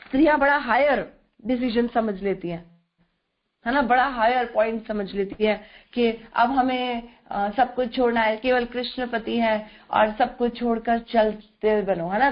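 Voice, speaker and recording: A woman explaining scripture verses in an online class, asking rhetorical questions and checking in with her listeners as she goes. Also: fairly high pitch. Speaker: devotional scripture teacher. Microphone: video call. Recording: dull lo-fi online call audio.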